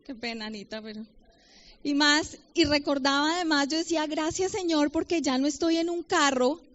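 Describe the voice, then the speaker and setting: A middle-aged Colombian woman giving a personal testimony sermon to a women's gathering, with humor between slow readings of scripture. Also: sits high, steady tone, fairly bright tone. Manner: personal testimony with humor, reads Bible verses slowly. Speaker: women's ministry speaker. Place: conference hall. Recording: dull lo-fi event recording.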